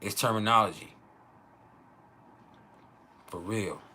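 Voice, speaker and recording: A man's voice: lowish voice, slow, sharp tone, slightly rough. A man hosting an astrology livestream in a casual, profane, slangy monologue, repeating phrases for emphasis.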